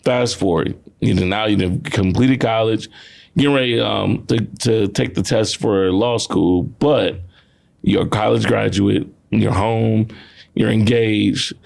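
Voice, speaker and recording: A man hosting an interview, asking his questions in a measured, stepwise way. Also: on the low side, steady tone, creaky, darkish tone. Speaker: host.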